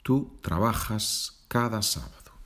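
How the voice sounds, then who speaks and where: A man hosting a podcast lesson, patiently explaining Spanish phrases in English and repeating them slowly. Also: on the low side, lively intonation, a bit bright. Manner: slow, patient, explains with small laughs and repeats. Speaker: Spanish teacher, podcast host. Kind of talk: slow bilingual language lesson.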